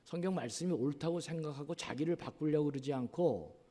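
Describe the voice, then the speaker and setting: A man preaching a sermon as pastor, earnest, asking rhetorical questions and pausing on drawn-out fillers. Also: a little high, dark tone. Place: church sanctuary. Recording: long reverb of a church hall.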